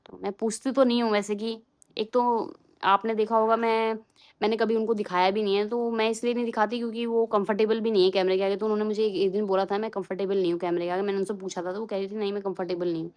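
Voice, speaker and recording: Indoors at home, a young vlogger from Uttarakhand, India, talks casually and now and then scolds her little son. She speaks quickly in a mid-range, slightly mellow voice with little pitch movement.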